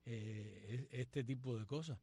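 A man's voice: medium pitch, takes it slowly, creaky, warm tone, breathy edge, no room sound. A man co-hosting a casual chat in a chatty, teasing manner. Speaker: co-host.

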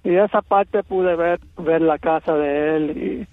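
A man from Miami with an American accent in his Cuban-rooted Spanish, telling personal stories as an interview guest, halting and slipping in English words. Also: a little high, dry recording, narrow, tinny audio. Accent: American-accented Spanish with Cuban roots. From Miami, United States.

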